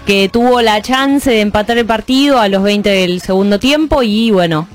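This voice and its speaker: Measured Argentine radio co-host woman. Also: mid-range voice, soft background music. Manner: measured, agreeable, hedging. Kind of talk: late-night radio talk. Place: radio studio.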